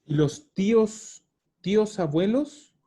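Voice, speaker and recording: A man with a mellow, warm tone and a slightly higher pitch teaches a language class over a video call. He talks slowly and patiently, repeating words so his students can follow. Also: expressive. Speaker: Italian teacher. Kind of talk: online language lesson.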